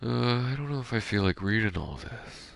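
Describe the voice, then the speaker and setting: A man's voice: medium pitch, lively intonation, normal speed, creaky. A man giving rambling, self-deprecating commentary while playing a game, keeping his voice down because it is late at night. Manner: soft-spoken, keeping quiet late at night. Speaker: gaming streamer. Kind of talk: casual gameplay commentary.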